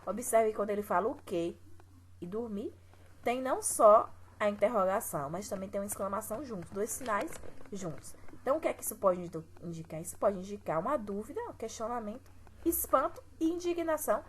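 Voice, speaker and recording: A woman's voice: medium pitch, animated, fairly quick, a little hiss or hum, low-quality recording. A woman teacher with a Brazilian Portuguese accent, patiently walking students through exercises step by step and asking them rhetorical questions. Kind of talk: recorded classroom lesson.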